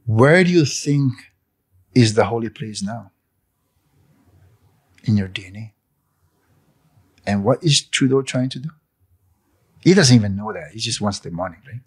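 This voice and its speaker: A lowish, breathy-edged male voice comes from a cafe owner in his sixties whose first language isn't English. Interviewed in a living room with a fluffy handheld mic, he delivers an impassioned, preachy monologue, animated and a little slow, pausing often and gesturing emphatically with his hands.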